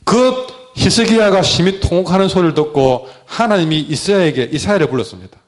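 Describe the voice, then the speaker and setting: A man preaching a sermon as a pastor, with a sore throat, swinging between loud cries and hushed words. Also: high-pitched, lively intonation, brisk.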